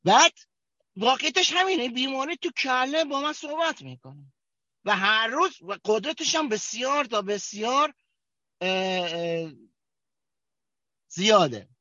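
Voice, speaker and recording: A man from Kerman with a Kermani accent tells his recovery story at a group meeting, halting often with fillers and restarts. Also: very high voice, sing-song, bright, forceful tone, dry recording. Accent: Kermani Persian. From Kerman, Iran. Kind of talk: personal testimony at a recovery meeting. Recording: dull, dry recording.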